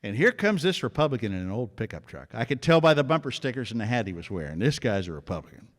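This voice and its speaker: A man's voice: mid-range voice, sing-song, quick pace. An older man giving a folksy campaign stump speech as a political candidate, building to a rallying finish. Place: large event hall. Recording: long reverb of a big hall.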